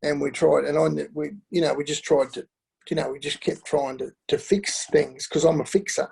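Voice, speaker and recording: A middle-aged man speaks candidly about hard family years, stopping and restarting often with plenty of fillers. His voice is gravelly and husky, set a little higher than most men's. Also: fairly even intonation, mellow, poor audio. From Australia. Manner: halting, with many fillers and restarts. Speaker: interview guest. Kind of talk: candid personal storytelling.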